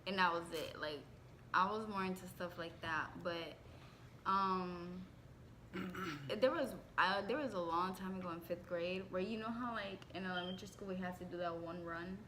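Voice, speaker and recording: A young woman talks in a casual, teasing way and giggles often. Her voice is bright and forceful, and there is faint noise behind her. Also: lowish voice, moderate pace. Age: young adult. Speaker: vlogger. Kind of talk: casual story time chat.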